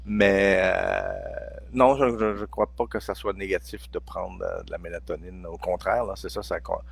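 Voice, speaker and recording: A man's voice: low-pitched, fairly even intonation, moderate pace, gravelly, slightly rough, dry recording. A man in his sixties with a Quebec French accent, a researcher explaining natural sleep aids in a casual chat, hesitant with many restarts. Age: 60s. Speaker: guest pharmacology researcher.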